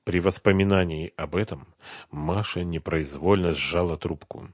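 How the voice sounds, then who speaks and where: A man narrating an audiobook in an even, measured reading. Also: deep voice, no room sound, studio quality. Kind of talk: scripted narration of a thriller novel.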